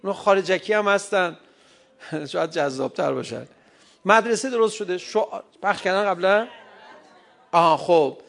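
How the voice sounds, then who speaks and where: A middle-aged man speaks to an audience in a lively, humorous lecture. His voice sits somewhat high for a man and has a gravelly texture. He laughs often and slips into short acted-out exchanges. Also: pauses often. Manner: humorous, acts out little dialogues, laughs often. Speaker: speaker addressing an audience on parenting.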